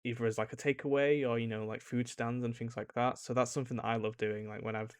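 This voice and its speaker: A man's voice: mid-range voice, level tone, fast, clear, resonant tone, no room sound, clean studio sound. A British man reacting to a video in a casual, rambling way, with lots of restarts. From United Kingdom. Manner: rambling, many fillers and restarts.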